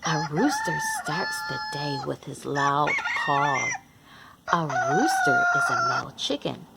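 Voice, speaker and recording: In a low, gravelly voice whose pitch swoops wildly, a woman hosts a children's read-along, slowly reading a picture book and speaking straight to the young audience. She acts out animal sounds expressively over heavy background noise.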